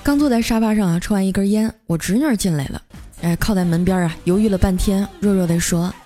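A woman tells a comic story in a chatty, lively way, drawing out her particles. Her voice sits at a medium pitch. Soft music plays under her. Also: quick pace. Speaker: radio story host.

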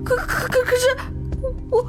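A woman's voice: very high voice, monotone, unhurried. A woman voicing an earnest young voice-actor applicant who pleads politely and stammers in panic, in an audio drama with faint music. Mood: stammering panic. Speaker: applicant Zhang Yiming.

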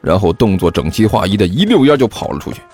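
A man narrating a comic story with a lively, expressive reading. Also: on the low side, fast, breathy edge.

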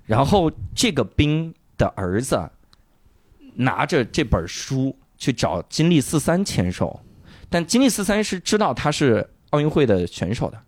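A man casually retelling a drama's plot on a chat show, acting out the characters' lines and bursting into loud swearing at the emotional moments. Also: medium pitch, measured pace, no echo. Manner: animated storytelling, acts out lines with loud swearing outbursts. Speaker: podcast co-host.

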